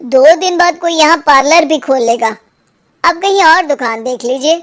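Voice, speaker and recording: A woman's voice: sits high, moderate pace, lightly acted. A woman voicing a blunt, matter-of-fact male shop owner. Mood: firm.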